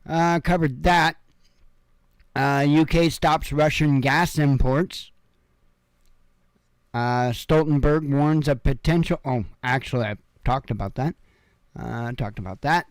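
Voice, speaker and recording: A man's voice: a little high, slow pace, pauses often, no echo. A man from Illinois casually reading news headlines at home and adding rambling, offhand asides full of fillers. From Illinois, USA. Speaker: news commentary host. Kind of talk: casual headline read-through with commentary. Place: home room.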